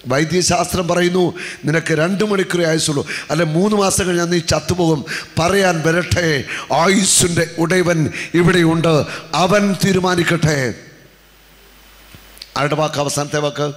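A male preacher giving a fervent healing sermon, calling on the congregation to answer back and moving between hushed talk and shouting. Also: sits high, fairly even intonation, moderate pace. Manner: fervent, call-and-response, shifts from hushed to shouting. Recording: long hall reverb.

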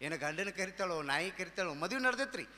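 A man's voice: high voice, lively intonation, a little fast, bright, forceful tone, in a large hall. A man doing stand-up comedy storytelling on stage with a North Karnataka accent, telling folksy tales and slipping into character voices. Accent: North Karnataka Kannada. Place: comedy stage before an audience.

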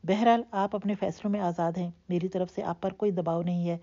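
A calm, confident young husband with a teasing, cutting edge, voiced by a woman reading the story. The tone sits low and mellow. The sound is dull and lo-fi. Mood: cold calm. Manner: calm, assured, mocking. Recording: dull lo-fi audio.

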